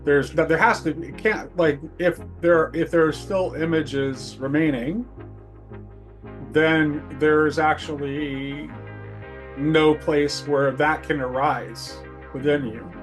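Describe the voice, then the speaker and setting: A man with a fairly high voice speaks in halting bursts, restarting as his thoughts tangle. Faint music sits in the background. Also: fairly even intonation. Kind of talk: casual philosophical discussion.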